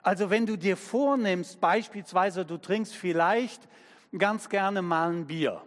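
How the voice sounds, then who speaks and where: A male pastor delivering a sermon in a slow, emphatic manner, his voice sitting a little high. He lingers over each phrase and drives his points home with everyday examples. The sound carries a long reverb, as in a large hall.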